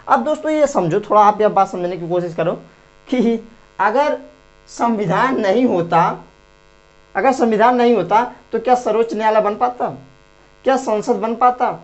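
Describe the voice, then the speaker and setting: A woman's voice: mid-range voice, darkish tone. A woman teaching an exam-prep lesson online. She repeats key points over and over and keeps calling her viewers friends as she walks through quiz questions. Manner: repetitive, drills points, often addresses viewers as friends. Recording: dull lo-fi recording.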